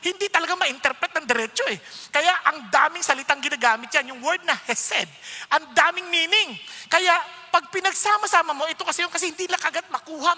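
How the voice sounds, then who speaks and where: Filipino man, preacher, sermon, high-pitched, crisp bright tone, echoing hall. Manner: mixes Tagalog and English, swings between quiet and emphatic.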